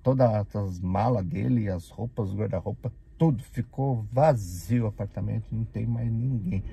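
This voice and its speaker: A man from Brazil with a Brazilian Portuguese accent, telling an animated story casually and acting out the people in it. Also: fairly low pitch, normal speed, vocal fry, a little hiss or hum. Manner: animated, acts out the people in his stories. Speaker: vlogger.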